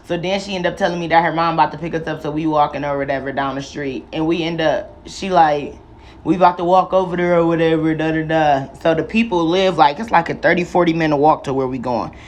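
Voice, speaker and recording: A woman's voice: low-pitched, fast talker, few pauses. A young adult woman vlogging a casual, profane storytime, chatty and full of slang. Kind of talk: casual storytime while doing hair.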